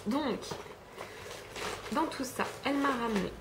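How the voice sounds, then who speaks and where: A young French beauty vlogger rambles casually through a haul review, chatty and full of fillers and self-corrections. Her voice is high-pitched at a measured pace, filmed at home on a camera mic with a noisy background.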